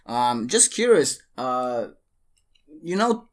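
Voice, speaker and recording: A man from Sweden co-hosting a podcast, chatting in a relaxed, friendly way. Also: mid-range voice, slow. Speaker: podcast co-host.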